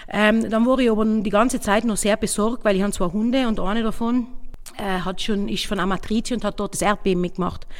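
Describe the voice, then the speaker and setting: A woman innkeeper with a South Tyrolean German accent, telling her own story in a halting, casual way, often searching for words. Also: mid-range voice, steady tone, big-room sound. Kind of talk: personal account, casual spoken.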